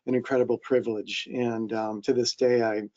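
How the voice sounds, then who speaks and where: A male editor answers a panel question in an earnest, reflective way, with many fillers between his thoughts. His voice is dark and mellow at a mid pitch. The sound comes through a dull, lo-fi line. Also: little pitch movement, moderate pace.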